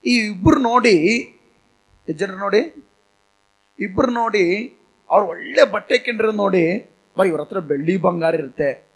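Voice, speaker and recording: A man's voice: high voice, lively intonation, measured pace, long pauses, rough recording. A male pastor with a northern Karnataka Kannada accent, preaching a sermon and calling out questions and hallelujahs to his congregation. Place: church hall.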